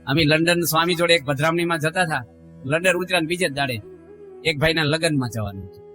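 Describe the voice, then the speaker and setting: A man's voice: on the high side, fast talker, music in the background. A middle-aged man, a monk giving a sermon full of stories and acted-out quotes. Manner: storytelling, acting out quotes, rises and drops in voice. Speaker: monk giving a religious discourse. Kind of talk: sermon with anecdotes.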